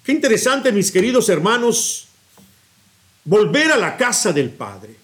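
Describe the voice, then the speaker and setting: Animated, high-voiced male preacher. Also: unhurried. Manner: expressive, storytelling, appeals directly to listeners. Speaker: priest.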